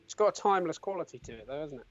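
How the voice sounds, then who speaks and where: A man's voice: fairly high pitch, animated, racing. A young man co-hosting a casual chat, throwing in dry, teasing quips. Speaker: co-host. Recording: slightly dull lo-fi sound.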